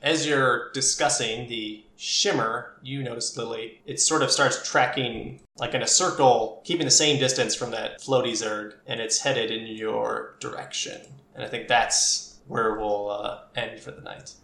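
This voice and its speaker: A man's voice: medium pitch, fairly even intonation, unhurried, vocal fry, hardly any pauses, sharp tone, roomy sound, slight background noise. A man improvising scenes as game master of a tabletop game, in a casual, loosely hedged way. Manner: casual, hedging descriptions.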